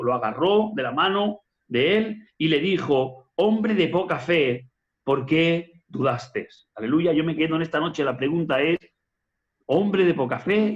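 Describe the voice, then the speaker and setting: Pastor preaching, lo-fi recording. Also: male voice, fairly high pitch. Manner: reads scripture aloud and repeats amen and aleluya between phrases. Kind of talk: sermon. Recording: dull lo-fi sound.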